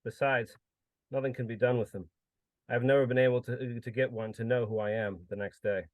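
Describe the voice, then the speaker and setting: A man giving a measured, solemn reading of his own literary prose. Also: mid-range voice, fairly even intonation, no echo. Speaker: contributor reading his story.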